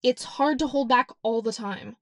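A man's voice: very high voice, moderate pace, fairly bright tone, dry recording, studio quality, voice pushed up. A man voicing a brash, hot-tempered young superheroine in an audiobook, impatient and exasperated. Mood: defensive. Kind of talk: audiobook character voice.

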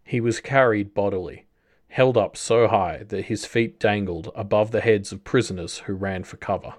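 A man reading a story aloud as narrator, in a slow, measured way. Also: fairly low pitch. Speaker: audiobook narrator. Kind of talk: scripted narration.

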